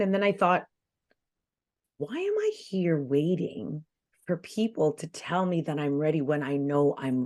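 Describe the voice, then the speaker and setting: A woman in her forties talks in a low, earnest voice as a guest on a podcast. She reflects as she goes, circling back and repeating phrases to drive a point home. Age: 40s. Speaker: health coach guest. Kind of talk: podcast interview.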